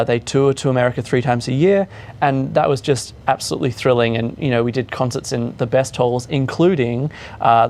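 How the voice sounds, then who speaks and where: A man's voice: mid-range voice, a little mellow. A man from Australia with a mixed Australian accent, a guest in a studio interview, talking easily with frequent fillers. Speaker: orchestra chief executive, guest.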